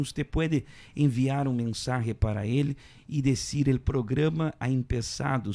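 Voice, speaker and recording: A man's voice: medium pitch, darkish tone. A man pastor hosting a live radio ministry broadcast, addressing listeners earnestly with blessings from a radio studio microphone.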